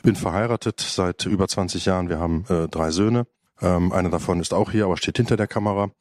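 A man in his late fifties with a very deep voice introduces himself hesitantly, often pausing with filler sounds. The sound is dry and close. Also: a little mellow, dry recording. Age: 50s. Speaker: panel guest.

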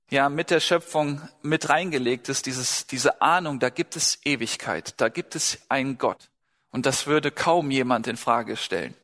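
A man with a fairly high, fairly bright voice preaches a sermon to a congregation gathered in a large hall, where a long reverb fills the recording. He's conversational, asks his listeners questions, and acts out short dialogues.

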